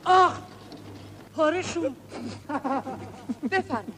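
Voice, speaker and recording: Brief: a sharp, demanding director with a high voice and curt, sarcastic delivery. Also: female voice, animated, slight background noise. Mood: irritated.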